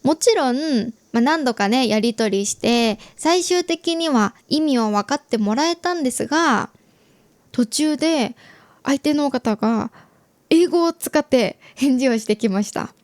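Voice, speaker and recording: A young adult Japanese woman hosting an easy-Japanese learning podcast, explaining gently and chatting with listeners. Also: high-pitched, lively intonation, unhurried, no echo. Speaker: podcast host teaching Japanese.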